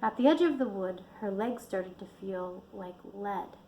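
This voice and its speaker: A woman reading her own book aloud in a steady storytelling manner. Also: medium pitch, a little slow, slight background noise, poor audio. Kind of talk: audiobook narration.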